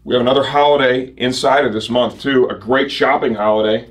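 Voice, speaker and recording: A man's voice: mid-range voice, fairly even intonation, fairly quick. Upbeat male shop promo host. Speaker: host of a motorcycle gear shop show. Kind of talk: casual sales promo presenting. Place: indoor shop set.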